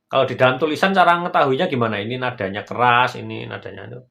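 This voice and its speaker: A man hosting a relaxed interview, asking follow-up questions and adding brief agreeing murmurs. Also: medium pitch, fast, vocal fry. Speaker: host. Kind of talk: casual interview talk.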